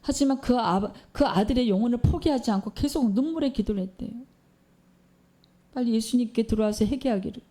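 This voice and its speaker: Warm higher-voiced woman preaching. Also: fairly quick. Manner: storytelling with rhetorical questions to the congregation. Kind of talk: sermon. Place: church.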